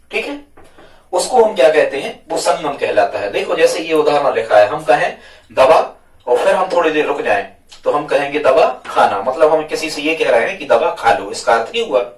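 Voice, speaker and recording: Man teaching from afar in echoey room. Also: a little high. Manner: patient, repeats questions back to students. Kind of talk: whiteboard grammar lesson. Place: classroom with a board. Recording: echoey room, mic far off.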